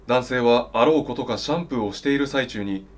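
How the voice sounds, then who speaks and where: A man's voice: medium pitch, fast. A young man reading scripted mock news as a newscaster in a formal, straight-faced way. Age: young adult. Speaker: comedy newscaster.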